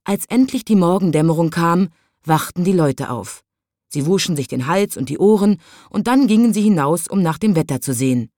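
A woman narrating a children's story as an audiobook reader, gentle and expressive, recorded in a studio. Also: lowish voice, normal speed, no room sound. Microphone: studio voice-over.

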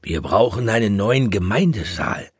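Storybook: man voicing a kindly old hedgehog granddad, husky, lively. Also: on the low side, moderate pace, no echo, clean studio sound, pitched above the performer's own voice. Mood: genial. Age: older.

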